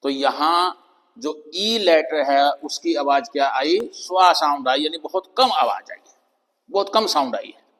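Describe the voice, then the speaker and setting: Slow-spoken Hindi-accented male teacher. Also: a little high, expressive, fairly bright tone. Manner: slow, deliberate, spells out letters and repeats example words. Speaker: English teacher. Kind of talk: classroom-style pronunciation lesson. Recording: long reverb of a hall-like room.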